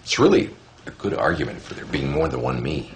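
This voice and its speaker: A man's voice: extremely low pitch, very animated, fairly quick, creaky, a little hiss or hum, full character voice. An actor playing a blunt, sardonic middle-aged male doctor in a TV drama, with a cutting, dry delivery. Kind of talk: TV drama acting.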